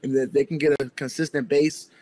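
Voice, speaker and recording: A man's voice: medium pitch, flat delivery, brisk, mellow, poor audio. A man with an American accent, around his thirties, giving conversational sports analysis as a guest reporter. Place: small room indoors on a video call.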